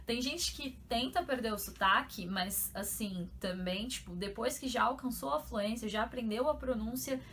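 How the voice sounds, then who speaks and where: A young woman from São Paulo with a São Paulo accent, explaining things in a chatty, animated vlog style full of fillers. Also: on the high side, a little hiss or hum. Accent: São Paulo Portuguese. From São Paulo, Brazil. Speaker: YouTuber.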